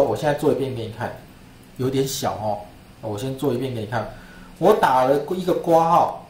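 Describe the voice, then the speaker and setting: Chatty lecturer in a classroom. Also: male voice, medium pitch, a little mellow, roomy sound, slight background noise. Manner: chatty, repeats himself, asks "right?". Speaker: statistics lecturer. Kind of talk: classroom screen-share lesson.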